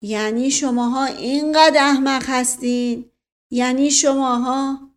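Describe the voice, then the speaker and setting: A playful, mocking middle-aged nobleman needles the people around him, put on by a woman reading a storybook. He sounds lively and pitched high above her usual voice. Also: lightly acted. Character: witty middle-aged nobleman, mischievous, teasing.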